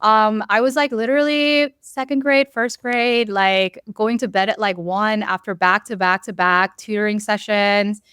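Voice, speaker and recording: A woman's voice: mid-range voice, fairly even intonation, unhurried, hardly any pauses, a bit bright, clear, resonant tone, dry recording, clean studio sound. A young woman from South Korea, a podcast guest telling her story earnestly, with many ums and likes. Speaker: podcast guest, real estate investor. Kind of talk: casual interview storytelling.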